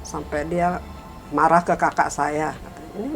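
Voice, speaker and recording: A middle-aged woman telling a story in plain casual speech, with faint music running under her voice. Her pitch climbs when she quotes others, then drops to a soft trail. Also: little pitch movement, normal speed.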